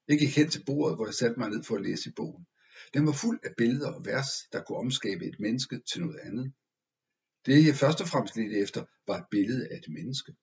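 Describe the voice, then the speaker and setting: A man narrates a first-person tale in a measured, expressive manner. His voice sits at an ordinary middle pitch. The recording sounds a little dull and lo-fi. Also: gravelly. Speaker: audiobook narrator. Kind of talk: scripted story narration.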